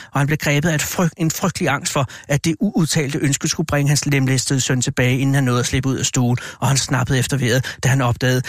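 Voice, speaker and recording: A man narrating a horror tale as an audiobook, in a measured, deliberate way. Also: mid-range voice, no room sound, clean studio sound.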